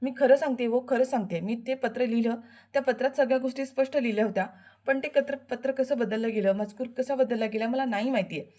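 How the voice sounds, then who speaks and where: An earnest young wife pleading to be believed, voiced by a woman narrating a serial recap. Her lines sit a little higher than the narrator's own voice and come out quick and anxious. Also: fairly even intonation, dark tone, natural voice.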